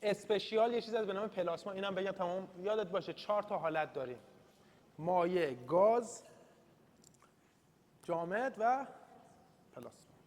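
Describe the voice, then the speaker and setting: A man's voice: sits high, pauses often, darkish tone. A male university lecturer giving an informal, chatty, self-deprecating study-session lecture in a classroom. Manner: chatty and self-deprecating, mixing in read-out English terms. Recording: reverberant room, faint background noise.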